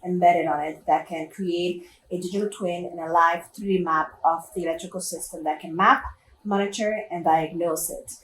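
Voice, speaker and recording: Woman CEO from Puerto Rico, lower voice, earnest pitch, distant noisy recording. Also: fairly even intonation, moderate pace, fairly bright tone. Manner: earnest, businesslike explaining. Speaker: company CEO, interview guest. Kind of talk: recorded interview. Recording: echoey room, distant mic, background noise.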